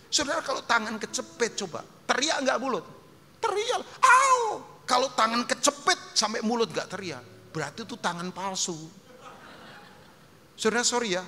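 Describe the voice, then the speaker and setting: Animated high-voiced pastor in a reverberant hall. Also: male voice. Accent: Indonesian. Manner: animated, emphatic, mixes English phrases, acts out quotes. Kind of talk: sermon. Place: large church hall. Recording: long hall reverb, faint noise.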